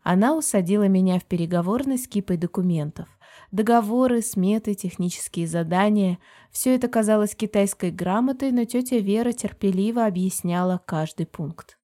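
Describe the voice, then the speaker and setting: Woman with a mellow audiobook narration. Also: medium pitch, normal speed. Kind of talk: first-person audiobook narration.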